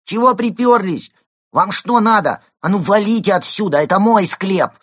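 A shrill, bossy little ghost tiger cub. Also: male voice, expressive, moderate pace, dry recording, studio quality. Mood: angry scolding. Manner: squeaky, shouting and scolding. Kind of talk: audiobook character reading.

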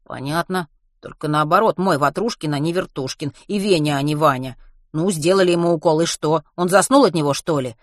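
An anxious, eager teenage schoolboy, as a woman narrator voices him. He speaks up loudly and urgently, firing off questions. Dry, close storybook recording. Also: low voice, fairly quick, dry recording, natural voice. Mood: correcting.

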